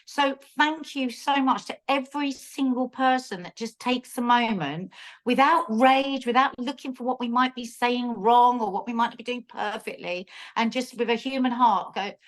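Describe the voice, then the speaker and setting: Picture a woman host, a little high in pitch, chatting over a video call. She talks on and on in a gushing, heartfelt way, thanking and reassuring the people who join. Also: rough recording. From South London, England. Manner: gushing, emotional, talkative. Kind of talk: casual video-call chat.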